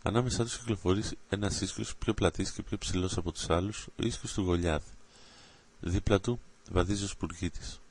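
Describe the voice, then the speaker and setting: A man reads an adventure story aloud in a very low voice. His delivery is steady and dramatic. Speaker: narrator.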